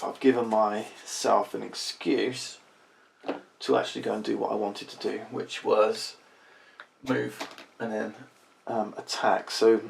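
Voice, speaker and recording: A man with a gravelly, creaky edge in a middle-pitched voice walks through a board game's rules in a relaxed playthrough. He thinks aloud as he goes, checking each rule before he moves on. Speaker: board game reviewer. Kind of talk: casual board game playthrough.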